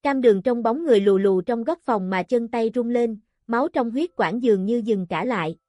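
A woman narrating a martial arts story in a measured, dramatic reading. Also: fairly high pitch, dark tone, no echo. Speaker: audiobook narrator. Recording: dry close recording with faint music.

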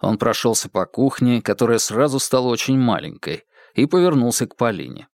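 A male reader narrating a novel in an audiobook. His pitch moves in a lively, expressive way, and the recording is dry and close to the mic. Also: a little fast, no room sound.

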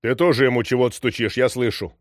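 A man voicing a harried middle-aged sea captain who is anxious and touchy and shouts defensively. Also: mid-range voice, fairly even intonation, quick pace, no room sound, clean studio sound, close to an everyday voice. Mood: irritated.

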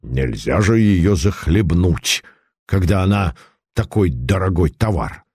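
A man's voice: deep voice, expressive, slow, darkish tone, husky, dry recording, clean studio sound, voice pushed down, exaggerated voice. A man voicing a scheming, fretful baroness. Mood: angry. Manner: angry, fretful complaining. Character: scheming, greedy older woman, a baroness.

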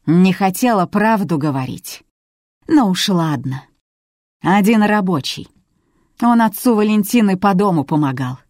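A woman voicing a rude, hot-tempered middle-aged cook who shouts and snaps at everyone. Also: mid-range voice, animated, unhurried, no echo, studio quality. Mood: blunt.

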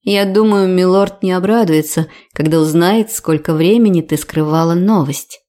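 A woman voicing an older female mentor who is stern but motherly, speaking in a measured, firm way. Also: on the low side, mellow, natural voice.

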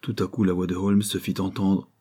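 Mellow, husky male narrator. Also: deep voice. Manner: even, measured reading. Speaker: audiobook narrator. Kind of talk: scripted first-person narration.

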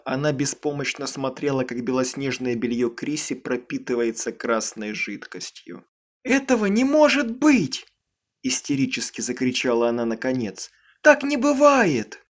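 A man reading an audiobook in a measured, dramatic narration style. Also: medium pitch. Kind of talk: scripted narration.

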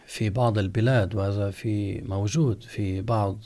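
A man, an Islamic scholar, giving a religious lesson and explaining rulings slowly and deliberately, drawing out example words as he pronounces them. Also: fairly low pitch, steady tone, warm tone. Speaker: Islamic scholar teaching jurisprudence. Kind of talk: religious lesson, question-and-answer.

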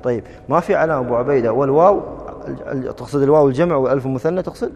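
A man teaching a grammar class, drilling students with quick questions and repeated verb forms. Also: medium pitch, a little mellow, long reverb tail.

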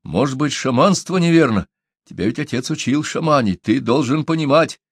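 A man's voice: medium pitch, animated, normal speed, husky, no echo, pitched above the performer's own voice. A man doing an earnest superstitious young man. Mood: questioning.

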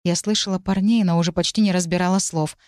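Female audiobook narrator, first-person, even delivery, low voice, dry close mic. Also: fast, dry recording. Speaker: audiobook reader.

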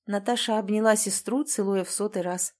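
A woman reading a novel aloud as a steady, measured audiobook narrator. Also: medium pitch.

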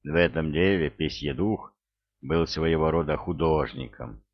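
A man reading a storybook aloud with slow, even delivery and a gravelly voice. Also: rumbling low, lo-fi sound. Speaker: audiobook narrator.

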